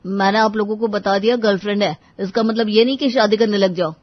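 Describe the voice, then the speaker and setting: A woman's voice: medium pitch, fairly even intonation, quick pace, dry recording, natural voice. Woman doing a young guy who ducks every question, kinda defensive, slightly dull lo-fi sound. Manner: defensive, joking, dodging questions. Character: young man, evasive, scared of marriage.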